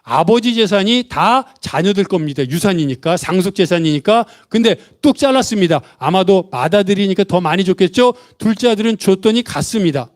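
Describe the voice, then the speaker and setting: A man's voice: high voice, lively intonation, fairly quick, hardly any pauses. A man preaching a sermon as a church pastor, questioning the congregation and acting out quoted speech. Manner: asks the congregation questions and has them repeat after him; acts out the father's and son's words in quotes.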